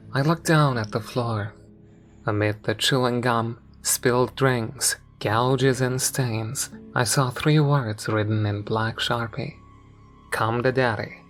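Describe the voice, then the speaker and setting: A man's voice: mid-range voice, steady tone. Man narrating a horror story. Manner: measured, storytelling delivery. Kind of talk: scripted first-person horror narration. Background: faint background music.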